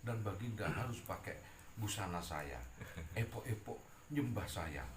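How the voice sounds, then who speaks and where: A man's voice: on the low side, animated, unhurried, reverberant, slight background noise, voice pushed down. A man voicing a cunning court jester who solemnly pleads his devotion to the king. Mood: pleading.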